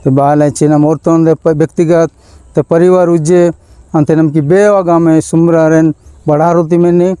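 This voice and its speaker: A man with a Malto accent, a bishop giving an Easter sermon in a measured preaching manner with pauses. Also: a little high, level tone, mellow, clean tone, no echo.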